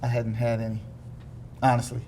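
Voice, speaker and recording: A man guest in a casual interview, giving earnest, steady advice. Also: medium pitch, moderate pace.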